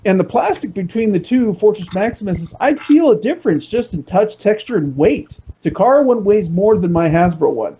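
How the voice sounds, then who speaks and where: A man with a somewhat raised voice rambles excitably through casual podcast chat, stopping and restarting his sentences as he goes. The sound is a little dull and lo-fi. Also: sits high, moderate pace, few pauses, slight background noise. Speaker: podcast co-host.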